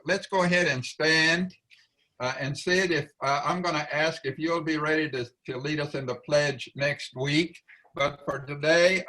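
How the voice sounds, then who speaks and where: A man chairing a club meeting over a video call, speaking deliberately with frequent fillers and restarts. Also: a little high, pushed and bright. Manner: many fillers and restarts, slow deliberate delivery.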